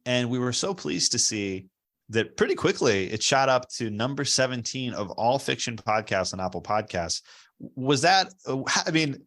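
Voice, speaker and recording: A man's voice: medium pitch, big pitch swings, moderate pace, fairly bright tone. Chatty male podcast host. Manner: chatty, full of fillers, asks long questions. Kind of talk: casual interview questions.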